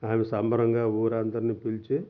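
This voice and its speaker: A man's voice: on the low side, completely flat delivery, moderate pace. Man telling a folk tale, tinny sound. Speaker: storyteller. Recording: narrow phone-like audio.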